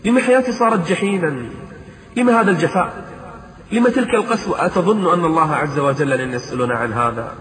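Fervent high-voiced preacher in echoing hall. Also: male voice, expressive, quick pace, fairly bright tone. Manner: fervent, pleading, rhetorical questions; chants verses in a sung tone. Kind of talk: sermon. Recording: echoey hall.

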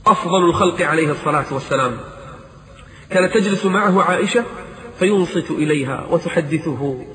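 A fervent, pleading sermon comes from a man whose voice is high and fairly bright. He asks rhetorical questions and sings out verses, and the recording has the echo of a large hall.

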